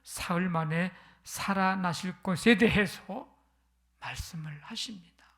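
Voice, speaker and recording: Gravelly-voiced pastor preaching a sermon. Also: mid-range voice, measured pace, fairly bright tone. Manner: retells scripture as a story with rhetorical questions. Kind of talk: Sunday sermon.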